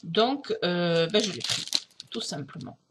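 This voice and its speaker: A woman's voice: on the low side, big pitch swings, a little slow, noisy background. A middle-aged woman from France chatting casually through a craft haul, hesitant, with many fillers and restarts. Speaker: craft vlogger.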